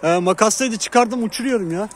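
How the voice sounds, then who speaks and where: A man filming his pigeon loft outdoors in a city, chatting casually and calling loudly to coax his birds in. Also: high voice, a little fast. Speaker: pigeon keeper and channel host. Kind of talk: casual outdoor vlog chat. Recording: noisy outdoor recording. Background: birds and city traffic.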